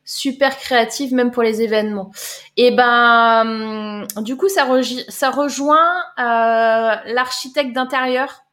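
A woman's voice: on the high side, slow pace, a bit bright. A woman coach talking casually on a live stream, answering viewers' chat comments in a loose, chatty way with many repeats and fillers. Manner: chatty, loose, repeats words and fills with euh. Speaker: life coach.

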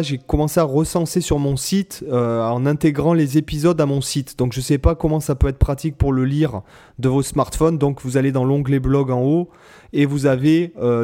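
A man's voice: medium pitch, mellow. A man hosting a podcast in casual chat, rambling and hesitant, often repeating words as he goes. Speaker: podcast host.

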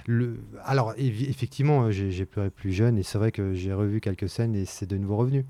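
He is a man with a low, warm voice, recorded dry and close. He talks casually and rambles a little in an easygoing way. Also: fast talker, dry recording. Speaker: interviewee. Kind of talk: casual interview answer.

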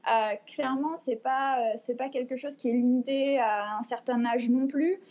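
A woman in her twenties answers interview questions in a fairly high voice, with many fillers and restarts. The sound is dull and lo-fi. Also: steady tone, normal speed, a little mellow. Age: 20s. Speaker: guest, long-distance cyclist. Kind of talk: podcast interview.

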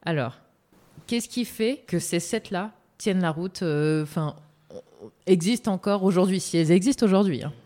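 A woman with a French accent asks an entrepreneur probing questions in a relaxed conversational tone. Her voice is low-pitched and warm rather than bright. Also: normal speed. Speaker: interviewer. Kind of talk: casual interview.

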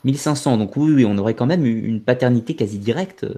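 A man hosts a relaxed conversation with a warm, dark voice. He mostly interjects with short prompts and clarifying questions. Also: mid-range voice, fast. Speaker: host. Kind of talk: casual interview chat.

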